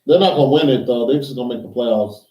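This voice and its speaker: A man's voice: mid-range voice, fast talker, lo-fi sound. A man co-hosting a podcast, chatting casually about football and teasing his co-host. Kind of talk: casual sports chat. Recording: roomy echo, mic at a distance.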